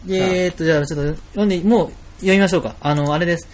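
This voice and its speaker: A young man co-hosting a casual late-night radio chat from a small apartment, fast and laughing through lively banter. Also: high voice. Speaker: podcast co-host. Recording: music playing under the voices.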